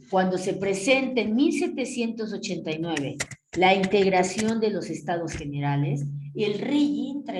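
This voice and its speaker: A woman history teacher giving an animated classroom lecture, telling the story like a tale and acting out its figures. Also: medium pitch. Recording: echoey room with faint noise.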